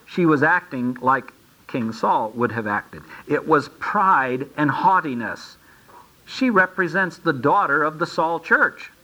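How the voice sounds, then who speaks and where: A man with a bright, slightly high voice teaches from scripture. He reads the verses aloud and then stops to explain them in homely everyday terms. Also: rough recording. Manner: explains scripture in plain, folksy asides. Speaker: preacher. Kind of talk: sermon, Bible teaching.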